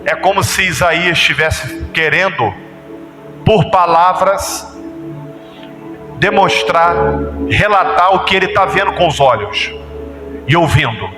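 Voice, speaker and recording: A man's voice: fairly high pitch, unhurried, pauses often. A Brazilian man preaching a sermon as pastor, constantly putting questions to his congregation. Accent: Brazilian Portuguese. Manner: animated, asks congregation frequent rhetorical questions. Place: church hall. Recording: echoey church hall with music.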